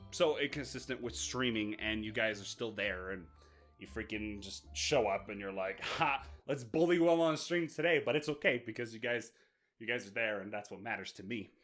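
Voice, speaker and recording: A young man vlogging to his viewers, rambling and self-mocking in an unscripted outro, talking in a raspy voice while he stands in front of the camera. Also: medium pitch, pushed and bright. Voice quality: raspy put-on voice. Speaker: YouTuber. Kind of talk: unscripted vlog outro talk. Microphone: filmed standing.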